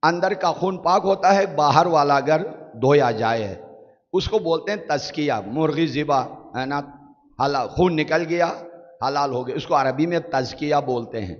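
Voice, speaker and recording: A man with a Pakistani Urdu accent preaches a sermon, his fairly high voice rising on slow, drawn-out Arabic verses. The sound is somewhat muffled and rings with the long reverb of a large hall. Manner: rhetorical questions, declaiming Arabic verses slowly.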